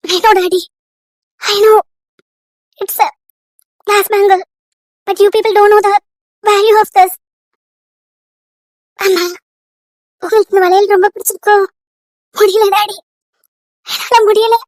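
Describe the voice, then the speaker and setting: An anxious young wife in a cartoon story, voiced by a woman, very high-pitched and pleading, with a flat, insistent line. The read is dry and close, with no room sound. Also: very slow, long pauses, no room sound, heavily acted. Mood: tender. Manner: pleading, repeating questions over and over.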